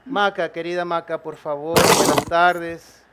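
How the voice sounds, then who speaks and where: A man's voice: fairly high pitch, steady tone, unhurried, very noisy. A man hosting a live stream, talking persuasively and repeating phrases for emphasis.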